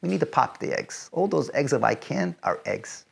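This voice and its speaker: A man, a rabbi, gives emphatic advice to teenagers, repeating phrases and building to loud peaks. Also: medium pitch, big pitch swings, normal speed, creaky, slightly rough.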